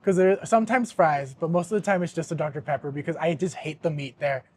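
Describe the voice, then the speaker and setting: A young man hosting a podcast, telling a story in casual chat, animated and swearing often, with laughs mixed in. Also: fairly high pitch, fast talker, slight background noise. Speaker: podcast host.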